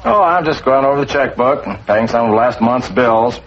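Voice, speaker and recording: A middle-aged man with an American accent playing a patient, gently wry suburban father in a 1950s family sitcom. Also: medium pitch, lively intonation, moderate pace, natural voice. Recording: dull, noisy old TV soundtrack.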